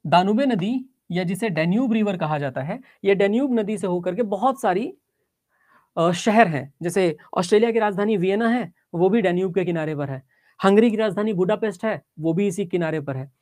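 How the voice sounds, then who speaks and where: A woman's voice: mid-range voice, moderate pace, darkish tone, no echo, studio quality. A woman teacher giving a geography lesson, explaining step by step, checking in with her students and mixing English phrases into her Hindi.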